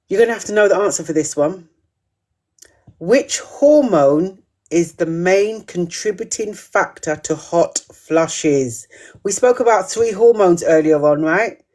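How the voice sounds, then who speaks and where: A woman's voice: lowish voice, a little mellow. A woman hosting a live quiz, reading each question twice and reacting to viewers' comments in a chatty way. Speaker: host of a live menopause quiz.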